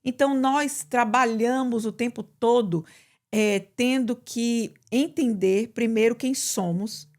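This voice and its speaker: A woman pastor with a Brazilian Portuguese accent, preaching in conversation with emphatic, animated delivery. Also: on the high side, slow pace. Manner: animated, bursts into emphatic quoted prayers.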